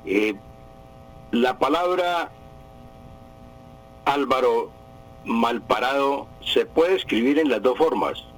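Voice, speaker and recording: A man's voice: medium pitch, animated, slow pace, long pauses, poor audio. A man, a language expert on a radio call-in show, explaining with anecdotes and hesitant fillers.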